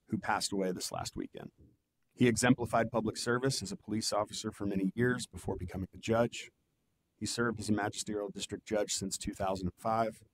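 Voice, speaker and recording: A man in the role of a county commissioner, giving measured, official remarks from notes at a formal public meeting. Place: government meeting room. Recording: noisy public meeting room with low rumble.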